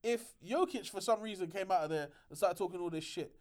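A man's voice: sits high, brisk, darkish tone. A man chatting casually about sport as a podcast co-host, slangy and emphatic, restating his points.

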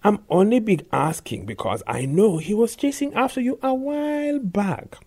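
A woman's voice: medium pitch, animated, normal speed, darkish tone, husky. An actress voicing a playful, dramatic young woman soldier in an audiobook. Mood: teasing. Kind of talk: audiobook dialogue.

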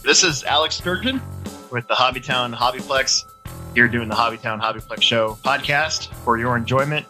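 With music playing in the background, a stuffy-nosed podcast host in his forties rambles casually about his hobby from home. He speaks in a mid-range voice at normal speed.

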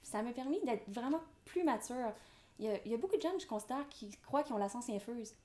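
A Québécois French-accented woman in her twenties talks fast as a guest on a podcast interview, a real estate developer sounding enthusiastic and motivational. Her voice is on the high side, a little mellow, with lively intonation.

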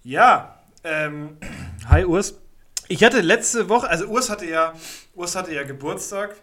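Bright-voiced rambling male podcast co-host. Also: high voice, expressive, slow pace. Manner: rambling, self-correcting, wry humor. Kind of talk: casual podcast chat.

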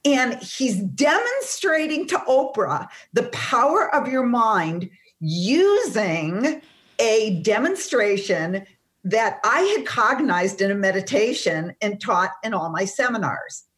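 A middle-aged woman, a seminar teacher, telling a personal story in conversation, animated and emotional. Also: medium pitch, slow.

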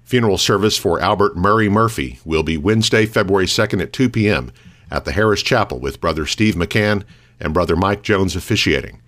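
A man's voice: deep voice, fairly quick, fairly bright tone. An American man reading scripted local news as a radio morning host.

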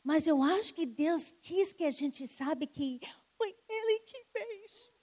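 A woman's voice: high voice, slow pace, warm tone. A woman preacher telling a healing testimony and calling people forward to pray. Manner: storytelling, calling people forward with rising energy. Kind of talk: sermon testimony and altar call.

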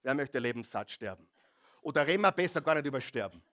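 A man's voice: mid-range voice, animated, a bit bright. A male pastor preaching a sermon, drawing out key words and asking the congregation to repeat phrases after him. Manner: calls on the congregation to repeat phrases, drawn-out emphasis.

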